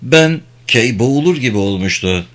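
A man's voice: mid-range voice, big pitch swings, normal speed, a bit bright. A man reading a novel aloud as narrator, voicing all the dialogue himself. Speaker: audiobook narrator. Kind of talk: scripted narration.

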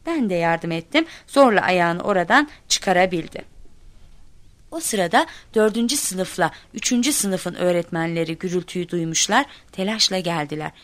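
A woman telling a comic first-person story in expressive narration, acting out shouts and cries. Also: fairly low pitch, normal speed, dry recording. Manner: lively, acts out quoted shouts.

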